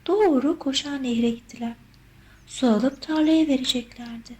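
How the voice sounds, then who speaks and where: A woman narrating a children's story in an expressive, measured storytelling voice. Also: high-pitched, low-quality recording.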